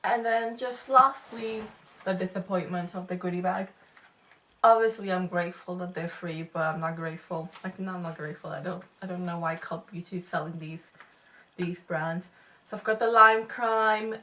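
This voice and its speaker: A woman's voice: medium pitch, a bit bright, distant mic. A woman in her twenties with a slight lisp, reviewing makeup in a chatty, self-deprecating way. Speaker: beauty vlogger. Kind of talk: casual product review.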